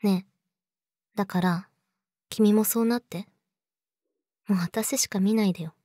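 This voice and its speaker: A woman's voice: mid-range voice, fairly even intonation, measured pace, mellow, no echo, studio quality, natural voice. A woman playing a young, clingy yandere girlfriend in an intimate audio drama, sweet and eerily obsessive, coaxing the listener. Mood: possessive, pleading.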